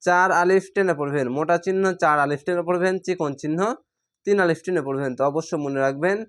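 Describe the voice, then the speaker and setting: A man teaching Quran reading, spelling each syllable out slowly and patiently repeating the rules. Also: on the high side, fairly even intonation, clean tone. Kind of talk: slow spelled-out recitation lesson.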